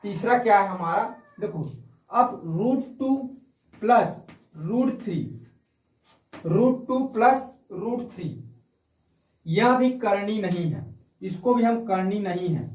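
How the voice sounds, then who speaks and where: A man's voice: sits high, lively intonation, slow, long pauses, darkish tone. A man teaching a math lesson, asking the class questions and answering them himself, repeating key points. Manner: repetitive, asks and answers own questions. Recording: echoey room, distant mic.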